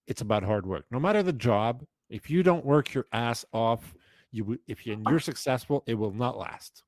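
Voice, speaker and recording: A man's voice: medium pitch, expressive, normal speed, dry recording. A man in his fifties hosting a casual chat, talking emphatically and rambling with restarts. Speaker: podcast host.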